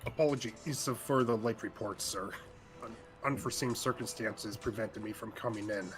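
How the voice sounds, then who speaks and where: A man playing a dutiful soldier in a tabletop game, reporting formally and haltingly to a superior. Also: lowish voice, steady tone, close to an everyday voice. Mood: apologetic, formal.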